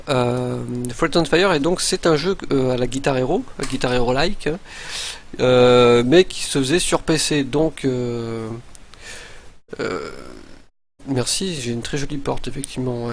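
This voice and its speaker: A man's voice: medium pitch, a little hiss or hum. A man chatting casually on a live stream, rambling and hesitant as he talks about games.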